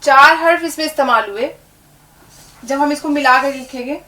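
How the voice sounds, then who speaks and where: A woman's voice: high-pitched, normal speed, sharp tone. A woman teaching an Urdu lesson, patiently spelling words out letter by letter. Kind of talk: language lesson. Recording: echoey room, distant mic.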